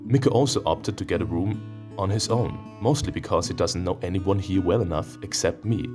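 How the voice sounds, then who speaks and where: Music plays under a deep-voiced man speaking at normal speed as he hosts a gaming video. He flips between voicing visual novel text and commenting on it, playful and theatrical, with occasional sudden outbursts.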